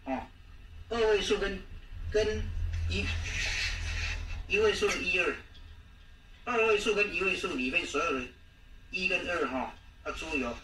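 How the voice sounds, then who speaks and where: A man with a Taiwanese accent teaching a language lesson, repeating words slowly and often trailing off with "ha" and "oh". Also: high-pitched. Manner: repetitive, drawn-out, frequent "ha, oh" fillers. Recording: echoey room, distant mic, faint noise.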